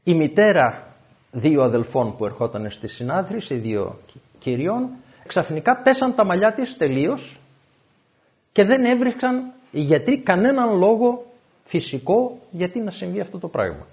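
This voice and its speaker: Male preacher, lively storytelling sermon, muffled lo-fi sound. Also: high-pitched. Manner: animated storytelling, acts out dialogue. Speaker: pastor. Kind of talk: sermon with personal stories. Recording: dull lo-fi recording.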